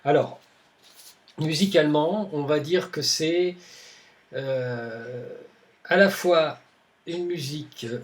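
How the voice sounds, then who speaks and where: A man's voice: on the high side, takes it slowly, pauses often. A man casually reviewing albums from his own collection, speaking with many fillers, restarts and little tag words. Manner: hesitant, many fillers and restarts, tags phrases with "hein". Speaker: music collector presenting albums.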